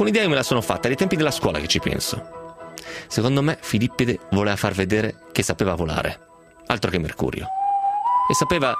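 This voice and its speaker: A man hosting a radio show, telling a story with wry rhetorical asides and then interviewing a caller by phone. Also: on the low side. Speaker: radio host.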